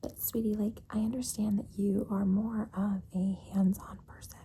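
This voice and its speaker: In a whispered ASMR role-play, a woman plays a doting, flirtatious teacher, her soft, breathy, creaky whisper sounding confiding and understanding, as if sharing a secret and often pausing to seek agreement. Her voice is natural and mid-range with little pitch movement, over slight background noise.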